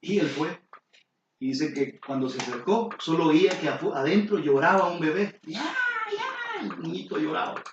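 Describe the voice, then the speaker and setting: A middle-aged man, preaching a sermon as pastor with lively storytelling and questions to the congregation. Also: fairly high pitch, normal speed, noisy background. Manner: animated storytelling, sudden exclamations, rhetorical questions to the congregation. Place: church sanctuary. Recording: roomy hall, distant mic, dull and lo-fi.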